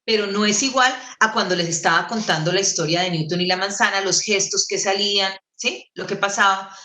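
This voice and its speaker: A Colombian woman storyteller giving an animated, theatrical lecture over a video call. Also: mid-range voice, brisk. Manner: theatrical, playful, shifting into put-on voices. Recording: echoey room.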